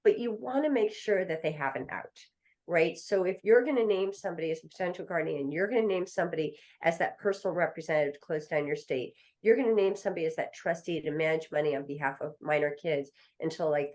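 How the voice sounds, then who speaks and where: The guest here is a middle-aged estate planning attorney with a fairly low, slightly mellow voice. Interviewed on a podcast, she narrates a story and acts out the voices of those in it.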